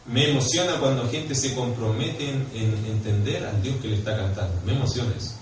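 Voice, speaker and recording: Animated Chilean pastor in echoey hall. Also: male voice, mid-range voice, a little fast, a little hiss or hum. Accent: Chilean Spanish. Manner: animated, swings from quiet to loud and emphatic; questions and prompts the congregation directly. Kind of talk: sermon. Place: church hall. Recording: echoey church hall, mic far off.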